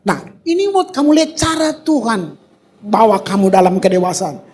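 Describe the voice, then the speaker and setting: A man preaches from a church stage in a lively, animated voice. He moves between relaxed, casual slang and scripture reading, with dramatic pauses and sudden loud outbursts. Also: high-pitched. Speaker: pastor. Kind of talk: sermon.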